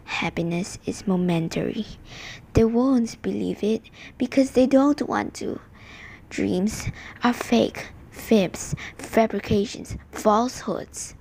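A woman voicing a sinister, deep-voiced entity that rules a nightmare realm, taunting and menacing, over background noise. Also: takes it slowly, dark tone, low-quality recording. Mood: ominous.

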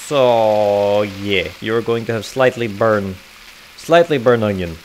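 Slow and fairly low-pitched with a darkish tone, this man narrates a cooking game in a fake, comic Russian accent. He rambles, leaves out articles, and cracks jokes to himself as he cooks, in casual gameplay commentary. There's slight background noise, and the recording quality is low.

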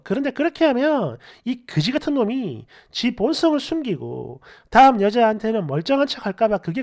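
A man hosting a story channel, reading online posts and comments aloud with animated, mocking commentary. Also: extremely high pitch, creaky.

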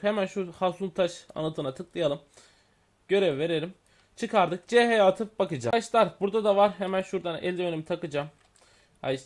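Chatty young-sounding gamer man. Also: high-pitched. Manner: chatty, thinks aloud, many fillers and self-corrections. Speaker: gaming YouTuber. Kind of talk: casual gameplay commentary.

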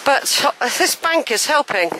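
An older woman with a high, very animated voice chats and thinks aloud at a measured pace while filming her walk along a wooded track. She sounds a little wheezy, the handheld camera picks up a noisy background, and her commentary stays casual.

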